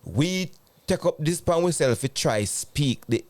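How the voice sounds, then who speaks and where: Halting man with a Jamaican accent. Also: a little high, lively intonation, darkish tone. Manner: halting, restarts often. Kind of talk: casual chat.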